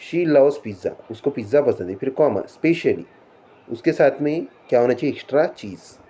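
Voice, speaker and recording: A male English teacher with a Marathi accent gives a classroom grammar lesson on punctuation, reading the English rules slowly and then explaining them in Hindi with rhetorical questions. His voice is medium-pitched, mellow and husky, and his delivery is animated.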